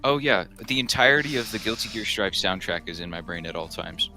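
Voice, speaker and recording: A man's voice: fairly low pitch, steady tone, fairly quick, sharp tone, faint music behind. A man streaming a video game, chatting casually and rambling off into enthusiastic tangents. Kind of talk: casual gaming stream chat.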